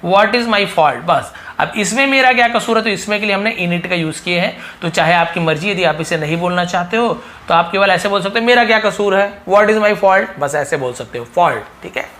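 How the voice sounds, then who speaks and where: A man's voice: high-pitched, normal speed, few pauses, pushed and bright. A man teaching spoken English in a casual lesson, repeating each phrase and asking rhetorical questions.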